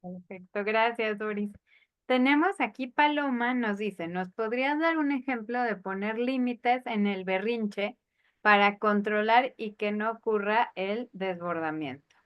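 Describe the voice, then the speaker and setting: A woman's voice: medium pitch, a little slow, smooth, muffled recording. A woman hosting a live session, reading out viewers' questions and giving short, affirming replies. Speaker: host reading audience questions. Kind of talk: live show moderation.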